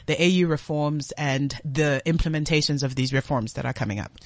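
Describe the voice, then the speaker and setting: A woman's voice: sits low, a little fast, no room sound. A woman from Congo who grew up in South Africa, a studio guest in an interview, arguing earnestly in numbered points. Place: radio studio.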